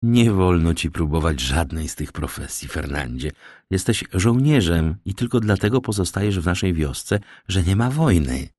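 A man's voice: sits low, expressive, moderate pace, a little mellow, no echo, clean studio sound. A man voicing a poor young village woman, firm and earnest as she turns down a suitor.

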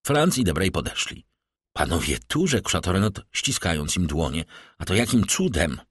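A man narrating a classic novel as an audiobook, lifting his pitch for the characters' lines. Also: big pitch swings, moderate pace, husky, dry recording, studio quality.

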